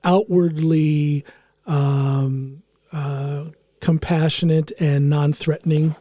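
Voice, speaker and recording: A soft-spoken man from the United States, hosting a conversational interview and telling stories at an easy pace. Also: fairly high pitch, flat delivery, slow pace, no room sound. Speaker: podcast host.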